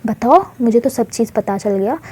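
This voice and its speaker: A woman's voice: on the high side, animated, normal speed, warm tone, breathy edge. A woman voicing a strict mother scolding her son in a spoken story. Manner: stern, scolding.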